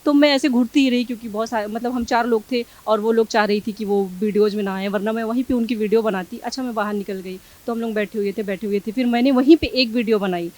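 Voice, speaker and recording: A young woman, giving a news interview and animatedly acting out the exchanges she recounts. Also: fairly high pitch. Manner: animated, quick, acts out quoted exchanges.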